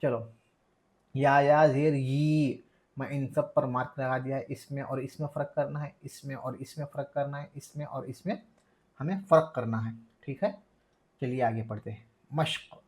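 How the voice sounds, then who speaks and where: A man teaching a beginners' Quran reading lesson, stretching out each syllable slowly and then explaining quickly, patiently repeating his corrections. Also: medium pitch, steady tone. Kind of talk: slow spelled-out reading lesson.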